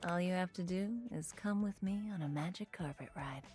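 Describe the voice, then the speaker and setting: Actress as a clingy, lustful game seductress, breathy and sultry, faint music under her. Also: lowish voice, fairly quick, darkish tone, natural voice.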